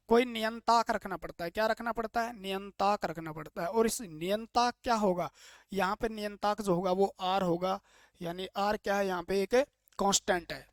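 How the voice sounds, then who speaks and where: A man's voice: sits high, dry recording, clean studio sound. Man drilling students with questions. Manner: asks questions and answers them himself, drilling key points; plain, chatty and jokey explaining. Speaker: teacher. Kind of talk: classroom lecture.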